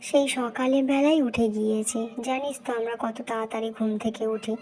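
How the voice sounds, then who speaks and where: A woman voicing an elderly mother in a doll-play drama, calm and matter-of-fact. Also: on the high side, brisk, close to an everyday voice. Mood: soothing. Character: elderly mother, early riser, calm and doting.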